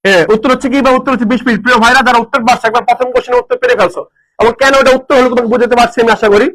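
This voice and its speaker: A man teaching a live online lesson, energetic, repeating answers and quizzing his students. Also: extremely high pitch, racing, rough recording. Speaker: admission coaching teacher.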